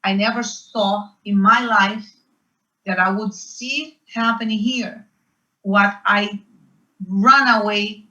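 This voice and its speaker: A woman's voice: medium pitch, sharp tone, dull audio. A woman in her fifties from Brazil, speaking with a Brazilian Portuguese accent, arguing passionately in a round-table debate. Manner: passionate, emphatic. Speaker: panel guest.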